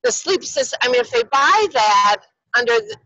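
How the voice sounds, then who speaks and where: A woman calling in on a speakerphone while driving. She asks hesitant, halting questions with lots of fillers. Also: a little high, sing-song, pushed and bright, no room sound. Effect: speakerphone call from a moving car. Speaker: caller on a conference call. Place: inside a car while driving. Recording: dull lo-fi phone line.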